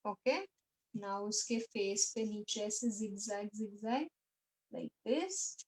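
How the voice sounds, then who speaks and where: A woman's voice: mid-range voice, fairly even intonation, drawn-out words, a little mellow, poor audio. A young woman with an Indian English accent, teaching an online art class to children, patient and coaxing, repeating her steps as she mixes Hindi and English.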